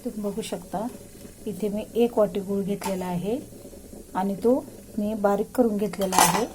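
Cooking host, woman, mid-range voice, calm step-by-step demo, home kitchen with audible clatter. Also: medium pitch, moderate pace, a little hiss or hum, low-quality recording. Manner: calm step-by-step instructions to viewers.

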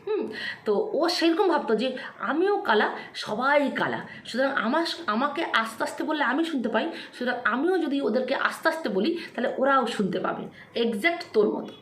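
A woman with a fairly high voice rants straight to the camera, scolding and taunting, and hammers the same points again and again. Her voice rings in an echoey room. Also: animated, a little fast. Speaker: vlogger. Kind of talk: angry direct-to-camera rant.

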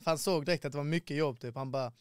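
A man's voice: a little high, slight background noise. A Swedish man in his twenties, a podcast guest telling a travel story in casual chat and acting out the voices of the people he met. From Sweden. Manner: animated storyteller, acts out quoted voices.

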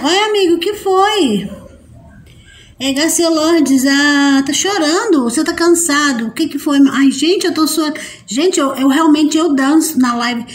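High-pitched chatty woman live streaming. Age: adult mother. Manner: chatty and affectionate, greets each viewer by name, laughs often. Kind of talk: casual live stream chat reading out viewer comments. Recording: roomy echo.

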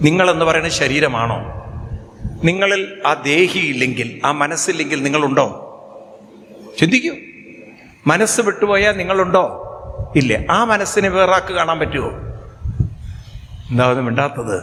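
A man's voice: on the high side, expressive, moderate pace, long pauses, sharp tone, a little hiss or hum. A male spiritual teacher giving a religious discourse to an audience, telling a story with sudden raised dramatic outbursts and rhetorical questions. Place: hall with audience. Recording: long hall reverb, faint ambience.

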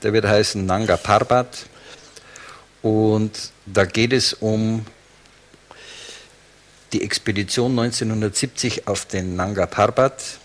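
A man's voice: lowish voice, fairly even intonation, slow pace, pauses often. A man introducing an interview guest, hesitant with fillers.

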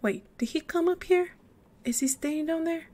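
A woman's voice: extremely high pitch, normal speed, dark tone. A young woman giving casual gameplay commentary, talking to the game characters in a jumpy, giggly way. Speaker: let's play gamer.

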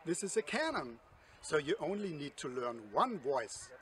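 A cheerful Austrian man in his forties speaks English slowly and plainly for young listeners. His voice sits high and swings up and down a lot. He stands outdoors at a forest edge, with a faint outdoor hush behind him. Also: big pitch swings, slight background noise. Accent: Austrian German. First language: German. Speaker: yodeling teacher for children. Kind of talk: friendly explanation with yodel demos.

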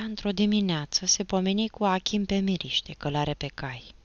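A woman narrating an audiobook in an expressive storytelling manner. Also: fairly low pitch, no room sound. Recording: slightly dull, dry recording.

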